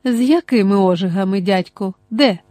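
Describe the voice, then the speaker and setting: A woman's voice: mid-range voice, moderate pace, warm tone, no room sound, close to an everyday voice. A woman reading the lines of a young male Cossack captain, eager and breathless.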